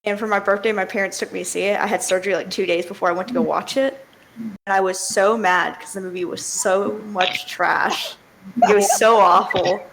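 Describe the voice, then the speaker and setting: A woman's voice: medium pitch, fairly even intonation, brisk, vocal fry, background noise. A young woman hosting a podcast, chatting casually and telling stories with easy laughter. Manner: chatty storyteller, laughs easily. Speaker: podcast host. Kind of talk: casual chat.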